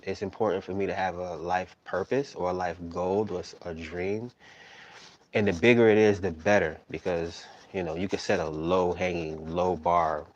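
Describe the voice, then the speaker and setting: A man's voice: low voice, lo-fi sound. A man in his thirties hosting a tarot live stream, rambling casually and tagging his points with "right?". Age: 30s. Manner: rambling, tags sentences with "right?".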